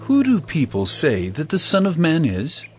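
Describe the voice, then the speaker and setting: Jesus, solemn teacher, lively rising and falling delivery, guitar music behind. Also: male voice, on the high side, normal speed. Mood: probing. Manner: solemn, earnest declaiming. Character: Jesus, a grave and commanding teacher. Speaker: actor. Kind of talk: audio drama acting.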